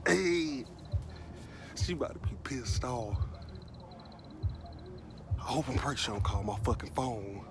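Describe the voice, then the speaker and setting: A man's voice: medium pitch, lively intonation, slow pace, pauses often, background noise. A man in his thirties chatting casually as a prankster host, slangy and swearing, into a phone. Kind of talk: casual vlog chat.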